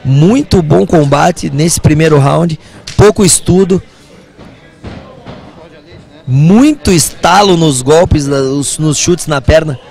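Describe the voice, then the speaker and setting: A man's voice: a little high, slow, vocal fry, pauses often, darkish tone. A Brazilian man giving live kickboxing commentary as a fight commentator.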